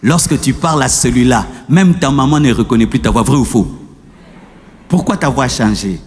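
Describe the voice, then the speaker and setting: A man preaching a sermon as pastor, shifting between gentle teaching and shouted exhortation. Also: mid-range voice, moderate pace, long reverb tail, slight background noise. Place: church.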